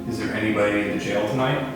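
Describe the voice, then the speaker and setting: A man's voice: on the low side, quick pace. A man on a ghost hunt inside an old jail, asking questions of spirits. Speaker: ghost hunter. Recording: very echoey room, music behind.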